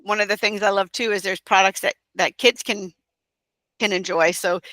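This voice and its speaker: A woman's voice: medium pitch, fairly even intonation, normal speed, bright, forceful tone, no echo. A woman in her thirties, an interview guest, talking casually and rambling with many fillers. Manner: rambling, frequent fillers and restarts. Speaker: guest, direct-sales entrepreneur.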